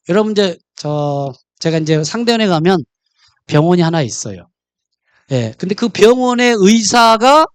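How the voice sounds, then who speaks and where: A pastor delivers a sermon in a lively, swinging pitch, constantly firing questions at the congregation. The sound is close and dry, with no room echo.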